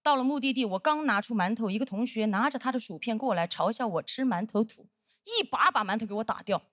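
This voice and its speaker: A woman's voice: a little high, lively intonation, quick pace, fairly bright tone, no echo, studio quality. A young adult woman performing a stand-up comedy routine on stage, telling a punchy story full of quoted dialogue. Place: stage with live audience.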